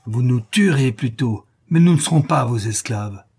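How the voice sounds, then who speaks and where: A man's voice: medium pitch, unhurried, warm tone, close to an everyday voice. A man voicing a fierce young warrior woman whose defiant voice is guttural with metallic inflections.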